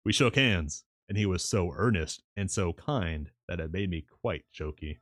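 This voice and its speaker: A man's voice: low voice, animated, a little slow, fairly bright tone, dry recording, studio quality. A man reading a novel aloud as a streamer, narrating it and dropping in casual asides. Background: faint background music.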